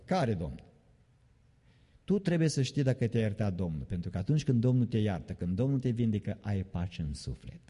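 Husky and warm, his voice on the low side and very animated, a pastor preaches an evening church sermon. The sanctuary's long reverb carries his emphatic, repeated key phrases and mocking jokes.

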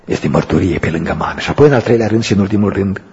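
Male pastor, sermon, very raspy voice, muffled recording, long church echo. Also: deep voice. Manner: storytelling that builds to loud, emphatic preaching.

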